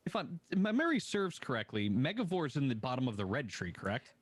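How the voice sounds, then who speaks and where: A man's voice: medium pitch, big pitch swings, fast talker, no room sound. A man presenting a game reveal, enthusiastic and asking his co-host questions.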